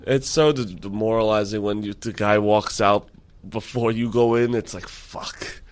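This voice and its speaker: A man's voice: lowish voice, steady tone, smooth. A man talking in casual, rambling banter as a co-host, drawing out his stories. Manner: rambling, drawn-out storytelling.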